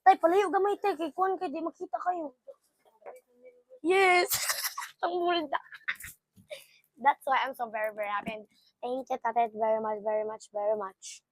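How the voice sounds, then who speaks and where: An excitable young woman talks through a casual vlog, her voice bright and high. She keeps exclaiming and switches into English as she goes. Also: measured pace, long pauses, no echo. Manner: excitable, exclaiming, mixes English with local talk. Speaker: vlogger.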